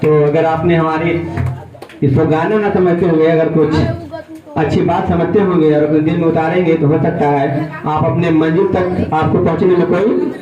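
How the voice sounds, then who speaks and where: Man, teacher, high voice, slow drawn-out singing between explanations, roomy echo. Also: steady tone, highs cut off, crowd noise. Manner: slow, drawn-out sung phrases with spoken commentary. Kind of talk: singing and explaining a song to students. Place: school celebration with students.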